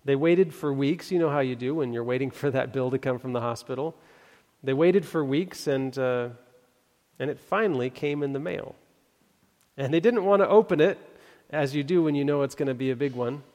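Gravelly preacher in a big hall. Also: male voice, mid-range voice, a little mellow. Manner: earnest, building, pauses for emphasis. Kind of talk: sermon with storytelling. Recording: long hall reverb.

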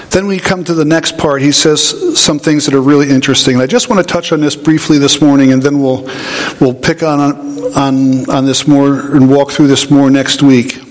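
A man preaching a sermon, an animated storyteller who acts out voices in his anecdotes. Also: medium pitch. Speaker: pastor. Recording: hall reverb.

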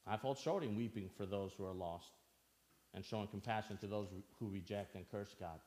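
A man's voice: on the low side, a little fast, a little mellow. A man from Albania preaching a sermon in church, earnest, asking the listeners questions and repeating phrases for emphasis.

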